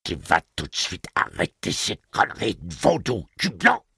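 A man voicing a furious, scornful woman in an audiobook, taunting and threatening in a shrill voice. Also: huge pitch swings, moderate pace, gravelly, bright, forceful tone, breathy edge, dry recording, clean studio sound, full character voice. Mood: shrill anger.

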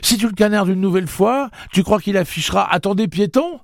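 A man's voice: high-pitched, brisk, vocal fry, no room sound, studio quality, voice pushed up. A man voicing a sarcastic, wisecracking young man. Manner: sarcastic, mocking.

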